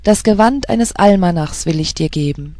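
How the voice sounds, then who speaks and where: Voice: mid-range voice, animated, normal speed, mellow, no room sound, natural voice. A reader voicing a stately, loving queen mother in an audiobook fairy tale, speaking solemnly and tenderly.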